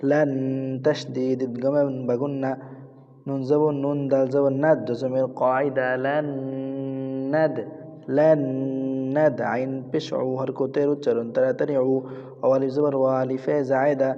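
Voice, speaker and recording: A man teaching Quran reading in a madrasa, spelling out letters and slowly chanting each verse. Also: medium pitch, level tone. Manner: slow drawn-out chanting of verses, then quick spelled-out rules. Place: madrasa with children's noise around. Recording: lo-fi with long hall reverb.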